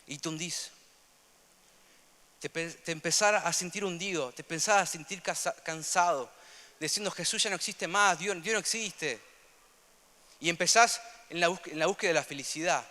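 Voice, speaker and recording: Young man, Rioplatense accent, preaching; high, sharp voice with a long reverb tail. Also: normal speed. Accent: Rioplatense Spanish. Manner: earnest, repetitive, swings between loud emphasis and soft asides. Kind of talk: sermon.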